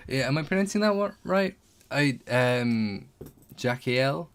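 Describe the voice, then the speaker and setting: A man's voice: on the high side, animated, a little slow, clean tone. A man chatting casually on a live stream while building a tabletop game character, thinking aloud over names and details and answering viewers. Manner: chats back to viewers' comments.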